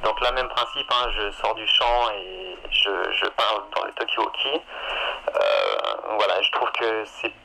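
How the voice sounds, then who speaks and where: A man's voice: lowish voice, big pitch swings, measured pace, gravelly, bright, forceful tone. A man casually testing gear, his voice heard over a walkie-talkie. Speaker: product reviewer. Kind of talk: casual product test. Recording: noisy, harsh walkie-talkie radio transmission.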